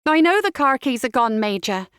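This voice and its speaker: A woman's voice: high voice, sing-song, moderate pace, a bit bright, smooth, dry recording, studio quality, voice pushed up. A woman voicing a polite, wry young barmaid who answers in a sing-song manner.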